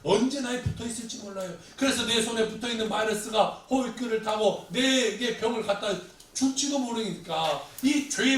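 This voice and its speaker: A high-voiced male pastor preaching a Sunday sermon, rising to loud pleas and dropping to quiet asides. He is recorded from a distance in a very echoey church sanctuary. Faint room noise sits under his voice.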